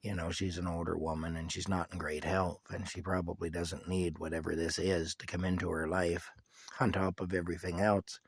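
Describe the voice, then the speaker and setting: Sick guy with a cough, deep low voice, rambling update from his camper, dry close sound. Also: level tone, husky, no echo. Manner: rambling and halting, with frequent restarts and coughs. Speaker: vlogger giving a personal update. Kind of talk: casual rambling video update.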